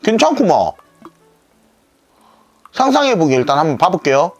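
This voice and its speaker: Female streamer, chatty and playful, animated pitch, casual gameplay talk. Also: moderate pace, faint music behind. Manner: playful, chatty, talks to viewers. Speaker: game streamer.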